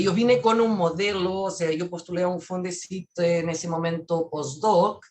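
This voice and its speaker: A woman from Portugal, a native Portuguese speaker, gives an academic presentation as a guest researcher over a video call, speaking thoughtfully and often checking in with "¿ya?". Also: fairly low pitch.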